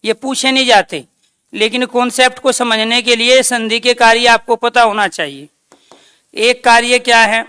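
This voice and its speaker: A woman teaching a grammar class, speaking slowly and dictating points, posing questions to her students and then answering them. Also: a little high, steady tone, sharp tone, smooth, no echo, clean studio sound. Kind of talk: online class lecture.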